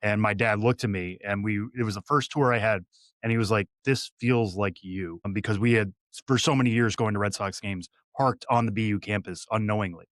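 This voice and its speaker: A man in his thirties from Western Massachusetts appears as a guest analyst, giving long, detailed conversational answers with a few light fillers. His voice is on the low side and steady, his pace brisk, and the recording has no room sound.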